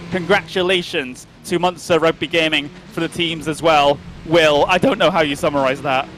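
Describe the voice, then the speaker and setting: A man with a British accent calling a sim racing finish live, as rapid play-by-play that turns breathless at the end. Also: on the high side, steady tone, fairly bright tone, a little hiss or hum, rough recording. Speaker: race commentator. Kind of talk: excited live race commentary.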